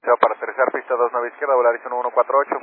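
A man's voice: mid-range voice, flat delivery, rapid-fire. A man, speaking as an airline pilot over a radio link in clipped calls and readbacks. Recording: tinny, noisy radio transmission.

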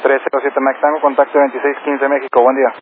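A man's voice: medium pitch, flat delivery, fast, husky, no room sound. A man working as an air traffic controller, issuing procedural instructions over aviation radio. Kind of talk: procedural approach radio communication. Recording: narrow air-band radio, faint static.

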